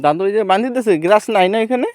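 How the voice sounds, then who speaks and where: A young woman, a mother, chatting gently and coaxingly with her small child while filming on a walk outdoors. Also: medium pitch, expressive, quick pace, slight background noise. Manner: gentle, coaxing, speaks softly to a toddler. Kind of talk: casual chat with a small child.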